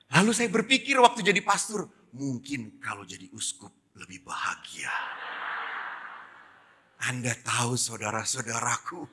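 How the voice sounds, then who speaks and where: Animated, bright-voiced preaching priest. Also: male voice, mid-range voice, breathy edge. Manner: animated storytelling, sudden drops to hushed whispers. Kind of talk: sermon.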